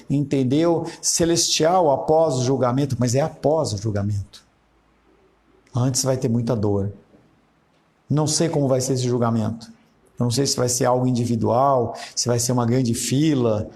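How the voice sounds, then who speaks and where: A man's voice: mid-range voice, a little mellow. A middle-aged man from Brazil, a pastor, preaching a sermon in a conversational way, acting out dialogue and often checking in with his listeners. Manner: conversational preaching, acts out quoted dialogue, frequent "entendeu?".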